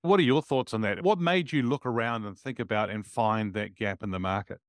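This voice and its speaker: A man's voice: on the low side, fairly quick, no echo, clean studio sound. A man hosting a podcast interview, upbeat and full of praise as he questions his guest. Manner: enthusiastic, frequent praise words. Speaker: podcast host.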